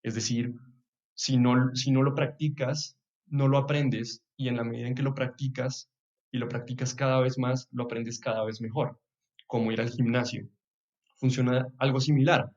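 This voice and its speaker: A young Colombian man from Bogotá muses aloud in a casual podcast chat, with a Bogotá accent and soft chuckles. His voice sits mid-range. The recording has a somewhat dull, lo-fi quality. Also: mid-range voice, little pitch movement, normal speed. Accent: Bogotá Colombian Spanish. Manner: reflective, chuckles often, trails off with soft asides. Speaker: podcast guest.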